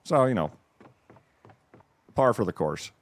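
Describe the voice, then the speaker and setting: A man's voice: on the low side, expressive, takes it slowly. A man streaming a game, giving live commentary in a dry, wry, self-deprecating mutter.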